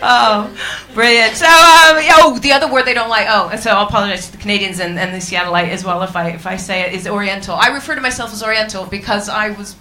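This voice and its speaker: A woman's voice: medium pitch, quick pace, bright, forceful tone. A woman with an American accent, born in England, doing a stand-up set with crowd work, teasing and swearing and laughing between jokes. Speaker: stand-up comedian. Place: comedy club stage before a live audience.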